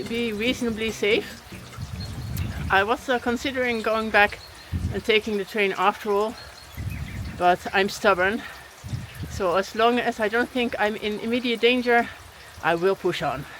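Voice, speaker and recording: Woman hiker vlogging outdoors, slightly high voice, chatty with fillers, faint music behind. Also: low-quality recording. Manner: chatty, frequent "uh" fillers, self-deprecating. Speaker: hiking vlogger. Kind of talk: casual vlog narration while hiking. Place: outdoors on a mountain trail in rain.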